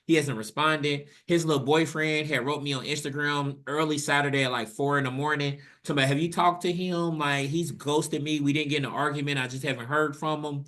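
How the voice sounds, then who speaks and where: A young man on a casual podcast tells a story, cursing freely and jumping his voice up high whenever he quotes someone. His tone is bright and forceful, and it sits a little higher than most men's. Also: a little fast, few pauses. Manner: animated, profane, acts out quotes with rising pitch. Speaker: podcast co-host.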